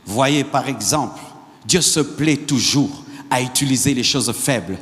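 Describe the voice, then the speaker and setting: A male pastor delivering a sermon, repeating phrases and building up to shouted exhortations to the congregation. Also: mid-range voice, a little slow, long reverb tail. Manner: repetitive, rising to shouted exhortations.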